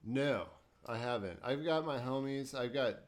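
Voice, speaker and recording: A man's voice: medium pitch, measured pace. A man co-hosting a podcast, chatting casually in a laid-back, joking way and swearing freely. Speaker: podcast co-host. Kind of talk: casual chat.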